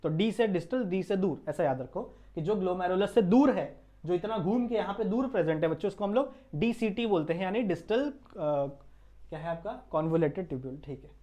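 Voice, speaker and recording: A man's voice: high-pitched, expressive, fairly quick, warm tone. Indian male tutor, casual lecture style, keeps quizzing the class and answering himself. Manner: quizzes students with repeated questions. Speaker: teacher.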